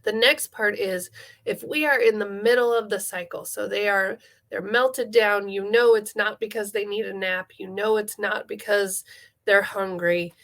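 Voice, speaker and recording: A middle-aged woman play therapist giving calm, instructive parenting advice, repeating key phrases for emphasis. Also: mid-range voice, a little slow. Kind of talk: instructive parenting talk to camera.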